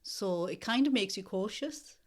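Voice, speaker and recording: This interview guest is a northeast English woman in her fifties who works as a lecturer. Her mid-range voice has lively intonation, yet her pace stays measured and reflective, with many pauses.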